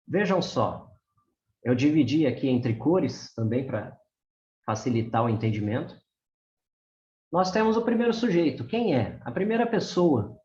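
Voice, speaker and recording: A man explains grammar at an unhurried pace, and his pitch rises and falls with a lot of life. He is teaching beginners from home and often stops to check that they follow. The sound is roomy and a little dull. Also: a little mellow. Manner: patient, keeps checking in with the class. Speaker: English teacher. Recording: roomy, slightly dull recording.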